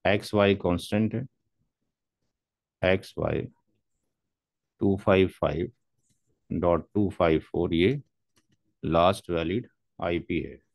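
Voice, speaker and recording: Man, networking instructor, classroom lecture, deep voice, unhurried, methodical step-by-step explaining. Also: creaky, dry recording. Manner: methodical, spells out numbers step by step.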